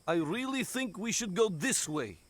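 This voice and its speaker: A man's voice: high-pitched, lively intonation, normal speed. A man voicing a wise, earnest ancient statue guide in a cartoon. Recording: music playing behind.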